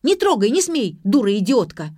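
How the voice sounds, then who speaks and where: A jittery young woman teeters on the edge of panic and bursts into frantic shrieks, as a woman reader puts her on. Her pitch swings widely, and the audiobook sound is dry and close. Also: very animated, measured pace, a little mellow, no room sound. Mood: hysterical. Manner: frantic, high-strung outbursts.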